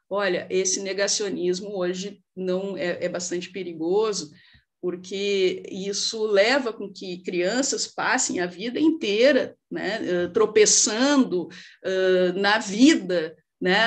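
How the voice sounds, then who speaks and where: A middle-aged woman with a Brazilian accent giving an informal lecture on literacy, with many fillers and rhetorical questions. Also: medium pitch. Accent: Brazilian Portuguese. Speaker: lecturer on literacy and child development.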